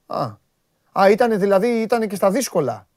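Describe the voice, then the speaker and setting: A man's voice: high voice, expressive, a little mellow, no echo, studio quality. A man with a Greek accent hosting a casual sports talk show, chatty and full of questions. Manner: chatty, questioning, interjects often. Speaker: podcast host.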